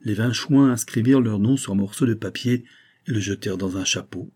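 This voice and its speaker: Low, husky male audiobook narrator. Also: fairly quick, darkish tone. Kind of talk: scripted narration.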